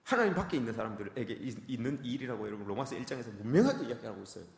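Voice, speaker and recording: A man's voice: medium pitch, very animated, rapid-fire, gravelly, roomy sound, in a large hall. A male pastor preaching a sermon, emphatic and repetitive, often addressing the congregation directly.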